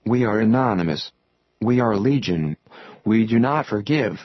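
Disguised deep male voice, menacing. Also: animated, measured pace, no room sound. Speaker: masked group spokesman in an online video. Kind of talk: scripted warning statement. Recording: dull lo-fi audio played from an online video.

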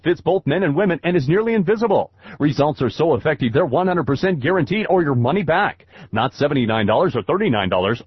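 A man's voice: fairly high pitch, breathy edge, no room sound. A man reading a radio commercial in a persuasive hard-sell style. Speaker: radio ad announcer. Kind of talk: scripted ad read. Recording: dull dry radio recording.

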